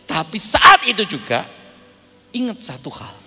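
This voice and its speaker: A man preaching, his voice high and bright with wild swings in pitch as he acts out the voices in his own story. He talks slowly and laughs often. The sound rings through a large hall with faint music underneath. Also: wildly swooping pitch, breathy edge. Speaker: pastor. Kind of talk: sermon with personal testimony.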